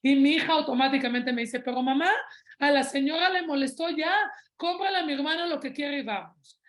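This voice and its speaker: Mexican woman, 30s, parenting speaker, conversational storyteller, slightly high, roomy echo. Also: brisk. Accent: Mexican Spanish. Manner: conversational, checks in with "¿ok?". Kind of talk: parenting talk with anecdotes.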